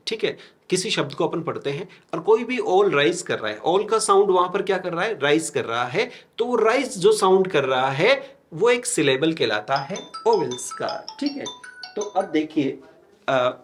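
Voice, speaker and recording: A male teacher giving a classroom lecture with an Indian English accent. He explains step by step, keeps asking his students questions and answering them himself, and writes on a board as he talks. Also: a little high. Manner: writes on a board while talking.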